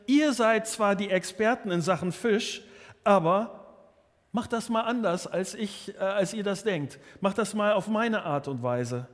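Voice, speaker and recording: A man's voice: high voice, unhurried, long reverb tail. A man preaching a sermon earnestly, often restarting and repeating his words. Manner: earnest, many restarts and repetitions.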